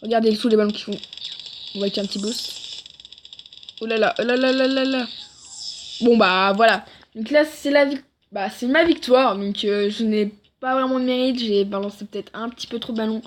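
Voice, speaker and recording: A woman's voice: a little high, steady tone, a little fast. Chatty woman narrating her gameplay. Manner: chatty, rambling, often correcting herself mid-sentence. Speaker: gaming video creator. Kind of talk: gameplay commentary.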